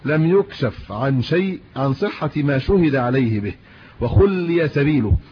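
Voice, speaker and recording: Here the Egyptian-accented religious teacher has a mid-range voice with lively intonation and a moderate pace. He reads classical texts aloud and explains them colloquially, asking rhetorical questions, while faint hiss runs through the muffled, lo-fi recording.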